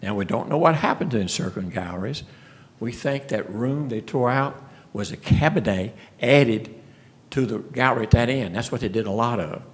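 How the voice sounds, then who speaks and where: A man's voice: medium pitch, animated, normal speed. A man giving a folksy, storytelling presentation at a city commission meeting. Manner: folksy storytelling, frequent restarts. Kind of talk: casual presentation.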